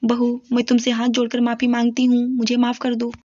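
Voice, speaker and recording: A woman's voice: on the high side, monotone, fairly quick, mellow, lightly acted. A woman voicing a mistreated old mother in her sixties, begging tearfully for mercy in a told story. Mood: pleading. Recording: dull lo-fi recording.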